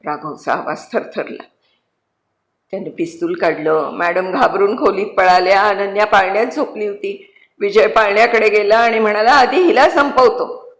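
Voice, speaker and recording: एक स्त्री कथावाचक गंभीर, दबक्या आवाजात नाट्यमय कथा सांगते. तिच्या आवाजाची उंची सामान्य आहे आणि खोलीचा स्पष्ट घुमारा ऐकू येतो. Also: female voice, mid-range voice, steady tone, normal speed. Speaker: storyteller. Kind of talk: dramatic story narration. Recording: roomy echo.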